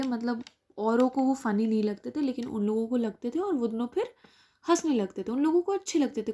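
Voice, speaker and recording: A woman teacher, reading a story aloud slowly and then explaining it patiently to children. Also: high voice, mellow. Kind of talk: explaining an English lesson in Hindi.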